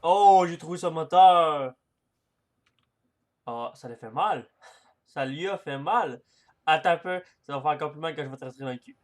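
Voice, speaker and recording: A man commenting on his own gameplay in a casual, crude and joking way, going from shouts to mumbles. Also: fairly high pitch, a little fast. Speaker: gaming YouTuber.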